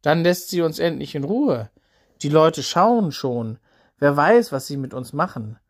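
A man's voice: a little high, lively intonation, measured pace. An anxious, fretful disciple, voiced by a man narrating a Bible story. The voice stays close to the narrator's own, with an uneasy, insistent edge. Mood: worried. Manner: nervous, fretful.

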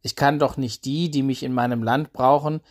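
A man voicing a calm, composed teacher figure in a children's Bible story. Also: mid-range voice, moderate pace, natural voice.

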